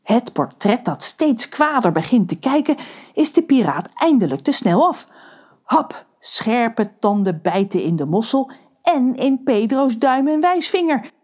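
A woman narrating a children's audiobook with lively, expressive storytelling. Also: a little high, a little slow.

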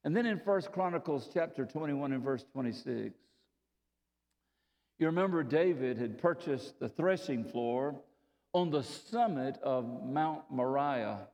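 A man preaching a sermon, telling a scripture story deliberately and dropping his voice low on key phrases. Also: gravelly. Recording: reverberant hall.

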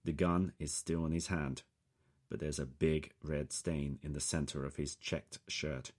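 A man narrating a first-person thriller audiobook, measured and dramatic. His voice sits extremely low, a deep rumbling bass carrying every line. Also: darkish tone.

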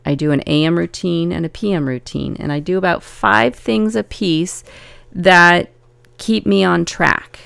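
A woman's voice: fairly low pitch, fairly even intonation, a little slow, gravelly, a bit bright, smooth, no room sound. A woman co-hosting a casual podcast as a family coach, talking earnestly and reflectively, laughing easily.

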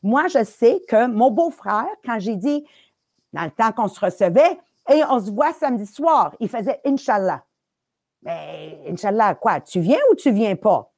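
A middle-aged woman with a slightly high voice tells lively anecdotes on a talk show. She mixes English words into her French as she talks. Her delivery is animated and conversational. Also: measured pace.

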